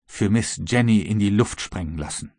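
A man's voice: fairly low pitch, normal speed, darkish tone, no echo, studio quality. A man reading as a worried, resolute sea captain. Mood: earnest. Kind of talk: audiobook reading.

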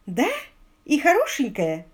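A woman's voice: fairly high pitch, huge pitch swings, measured pace, pitched above the performer's own voice. A woman reading the part of an offended, jealous young woman who speaks in cool, curt questions. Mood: suspicious.

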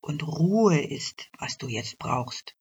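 A quiet, unhurried male doctor from a storybook, low and soothing. A woman voices him. The voice is slow and husky, and the recording sounds dull. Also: very animated, heavily acted.

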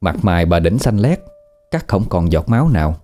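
A man narrating a ghost story in a calm, measured storytelling manner. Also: deep voice, faint music behind.

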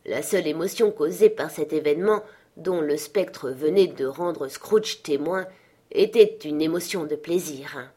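A woman reading a classic novel aloud as an audiobook, in calm, measured storybook narration. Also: low voice, breathy edge. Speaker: audiobook reader.

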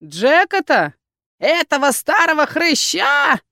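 A high, cackling old hag in rags, put on by a woman reading an audiobook. She barks and teases in a pinched, shrill voice that sits well above a plain speaking voice. The sound is close and dry. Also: big pitch swings, takes it slowly, bright, forceful tone, no room sound, heavily acted. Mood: barking. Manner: shrill, barking, mocking. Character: thin toothless old crone, gruff and nosy.

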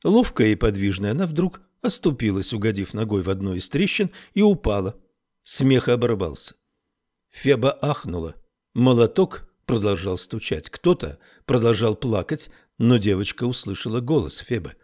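A man narrating an audiobook in a measured, even reading voice. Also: lowish voice. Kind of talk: scripted narration.

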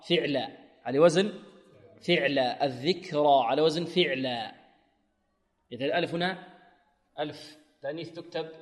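A man's voice: fairly high pitch, far from the mic. Man teaching Quran recitation, echoing. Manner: asks rhetorical questions, then slowly chants the verse. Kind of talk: tajweed lesson with rhetorical questions.

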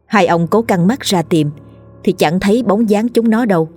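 A woman's voice: medium pitch, moderate pace, a little mellow, breathy edge, soft background music. Woman narrating a ghost story. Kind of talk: dramatic storytelling.

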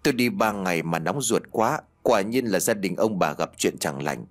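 A man narrating a ghost story voices a calm older village sorcerer who speaks in a slow, solemn, lecturing way. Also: deep voice, voice pushed down. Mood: grave.

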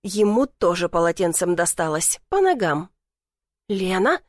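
A woman's voice: on the high side, expressive, normal speed, dry recording, studio quality. A woman narrating a novel in first person, with a vivid, emotionally charged reading. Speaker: audiobook narrator.

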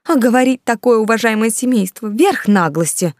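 A woman's voice: normal speed, darkish tone, dry recording, studio quality, lightly acted. A woman reading the part of a scheming, fawning noble baroness who talks in a raised, indignant voice. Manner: indignant, high and agitated.

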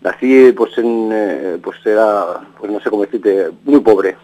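A man's voice: on the low side, a little slow, warm tone, poor audio. A middle-aged man from Galicia, an interviewee who rambles in a casual way, restarting his sentences and tagging them with questions. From Galicia, Spain. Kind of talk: casual recounting. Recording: radio broadcast.

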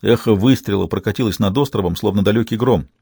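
A man reading an audiobook with steady storytelling narration. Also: lowish voice, fast, vocal fry, breathy edge, dry recording, clean studio sound.

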